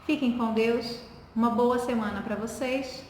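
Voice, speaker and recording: A woman's voice: on the high side, fairly even intonation, unhurried, noisy background. A woman teacher giving a recorded lesson, patiently explaining step by step and asking her class questions. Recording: echoey room with long reverb.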